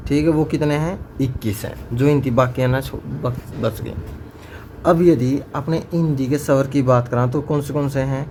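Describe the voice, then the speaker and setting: A man's voice: medium pitch, darkish tone. Man teaching a grammar class. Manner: drills students with repeated questions. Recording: faint background noise.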